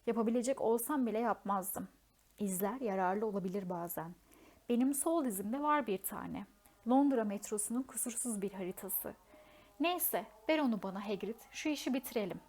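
A woman voicing a wise, elderly male wizard who speaks calmly and evenly, in a storybook reading. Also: mid-range voice, moderate pace, close to an everyday voice. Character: calm wise old male headmaster wizard.

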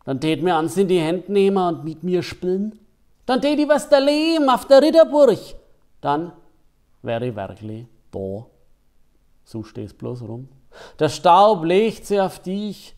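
Melancholy Franconian plum-figure toy, read by a man, wistful and pleading, pitched up and lively.

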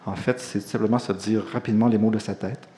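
A man with a Quebec French accent giving a relaxed, explanatory public lecture and mixing in personal anecdotes. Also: on the low side, fast talker.

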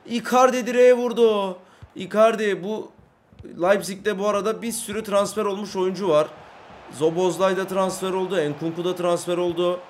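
A young man with a fairly high voice narrates his football video game, chatting calmly one moment and shouting play-by-play the next. There is a faint hiss of noise behind him. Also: normal speed. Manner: swings from calm chat to shouted play-by-play. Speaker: gaming YouTuber. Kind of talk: excited game commentary.

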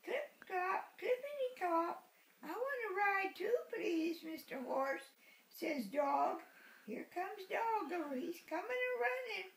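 Her pitch is extremely high and her delivery animated but slow as this woman in her eighties reads a picture book aloud to a baby. As a great-grandmother on the living room sofa, she repeats words playfully and adds asides. The handheld camera a short distance away picks up a roomy home sound with background noise.

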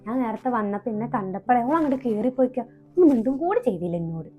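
A woman's voice: a little high, big pitch swings, racing, narrow, tinny audio, faint music behind. A woman playing a spiteful visiting sister-in-law. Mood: complaining. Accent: Malabar Malayalam. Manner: complaining, taunting. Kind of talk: comedy skit acting.

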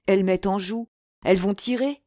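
A woman's voice: medium pitch, fairly quick, darkish tone, no echo, lightly acted. Woman voicing brash fearless musketeer, emphatic, dry close sound, audiobook. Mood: urgent. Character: bold, cool-headed male musketeer officer.

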